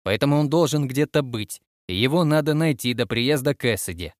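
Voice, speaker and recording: A man's voice: medium pitch, normal speed, no echo, clean studio sound, lightly acted. A man doing a fussy starship captain. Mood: exasperated. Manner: patient then exasperated, bureaucratic.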